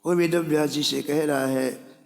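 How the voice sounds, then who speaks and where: A man's voice: on the high side, fairly even intonation, measured pace, gravelly. A man preaching a sermon, telling a devotional story and briefly acting out the characters' lines. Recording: long hall reverb.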